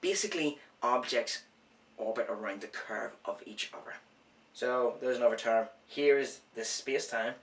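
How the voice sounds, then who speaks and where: A man's voice: mid-range voice, moderate pace, distant mic. A man who says w for r, hosting an informal science explainer with self-mocking, rambling asides. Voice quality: cannot say R clearly, says w for r. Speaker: host of an educational science series. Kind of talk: informal science explainer, part scripted, part ad-libbed.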